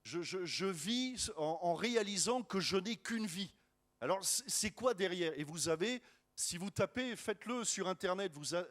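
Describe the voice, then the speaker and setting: Joking, high-voiced pastor preaching. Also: male voice. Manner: lively and joking, many restarts and asides to the congregation. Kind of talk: sermon.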